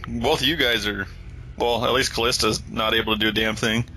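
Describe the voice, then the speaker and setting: A man's voice: medium pitch, steady tone, a little fast, bright, forceful tone. A man playing a tabletop game, chatting casually and jokingly with the group. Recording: noisy room recording.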